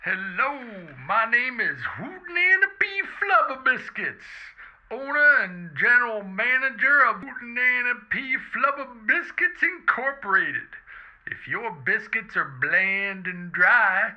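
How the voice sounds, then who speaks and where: A man's voice: high voice, pitched above the performer's own voice, full character voice. A man doing a folksy biscuit boss on speakerphone. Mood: salesy. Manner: blustery salesman, old-timey rural talk. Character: folksy old-fashioned male biscuit company owner. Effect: heard over a phone speaker. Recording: muffled phone speaker sound.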